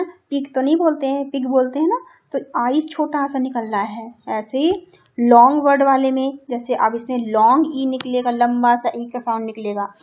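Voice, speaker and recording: High-voiced woman teaching young children. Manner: explains each English word in Hindi, checks with "theek hai"; reads English lines slowly and loudly. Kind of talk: classroom lesson for young children. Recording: dull lo-fi recording.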